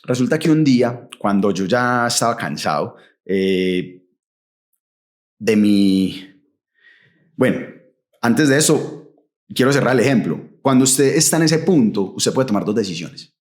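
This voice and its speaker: A man's voice: medium pitch, animated, a little slow, long pauses. A young adult man with a Colombian Paisa accent, telling his story as a podcast guest, vivid and full of local slang. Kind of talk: animated testimony.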